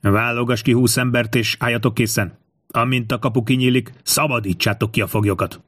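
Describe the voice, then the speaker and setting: A man's voice: medium pitch, fairly even intonation, fairly bright tone, slightly rough, dry recording, clean studio sound. A man voicing a young Roman centurion who gives urgent orders in an audiobook.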